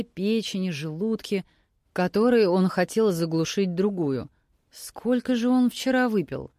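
A woman narrating an audiobook novel in a measured, expressive reading. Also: mid-range voice, no echo, clean studio sound. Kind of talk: scripted narration.

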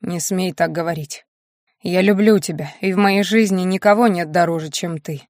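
A woman voicing a possessive, domineering male werewolf husband in a low, hushed, insistent tone. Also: normal speed, no echo, clean studio sound, lightly acted. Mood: pleading.

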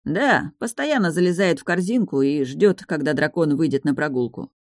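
A woman reading the lines of a polite, amused young duke in an audiobook, calm and courteous. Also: low-pitched, normal speed, no echo, studio quality.

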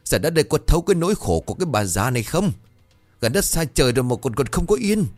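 A man's voice: fairly low pitch, big pitch swings, a little fast, no room sound, faint music behind. A man voicing a spiteful old village mother-in-law who screeches curses and insults. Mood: wailing. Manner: screeching, cursing.

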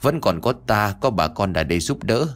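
A man voicing an older village ritual master who speaks in a slow, soothing way. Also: lowish voice, lively intonation, natural voice. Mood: consoling.

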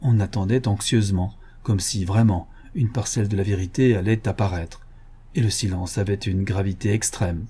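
A man narrating a classic detective story in a measured, even storytelling manner. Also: fairly low pitch, husky. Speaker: audiobook narrator. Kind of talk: scripted literary narration.

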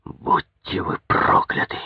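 A man's voice: slow pace, pushed and bright, dry recording. Man reading as a grim mocking criminal. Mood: hissing. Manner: mocking, hissing.

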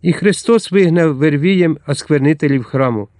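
A man with a fairly high, slightly mellow voice speaks at normal speed, sounding close to everyday speech. He plays a solemn old abbot giving a sermon, recorded in clean studio sound with no room echo.

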